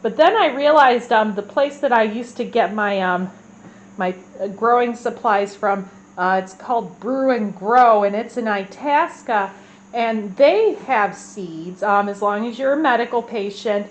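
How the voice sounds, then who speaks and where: A woman's voice: on the high side, a little slow, slight background noise, low-quality recording. A woman, congested and rambling in a casual gardening vlog, full of fillers and restarts. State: congested, clearing her throat. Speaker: gardening vlogger. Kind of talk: casual chat.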